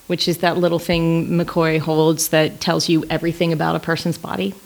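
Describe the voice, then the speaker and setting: Female scholar guest, low-pitched, chatty, prone to laughter. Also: level tone, gravelly. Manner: chatty and laughing, with quick asides. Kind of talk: casual conversational podcast.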